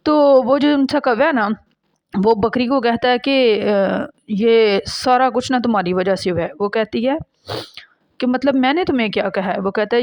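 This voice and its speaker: A woman with a Punjabi accent tells a fable in a relaxed, chatty way while cooking, often pausing to ask "hmm?". Her voice sits at a middle pitch. The recording is dry, with no room echo. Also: dull audio. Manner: chatty, with frequent "hmm?" and filler "na". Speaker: vlogger. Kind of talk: casual storytelling while cooking.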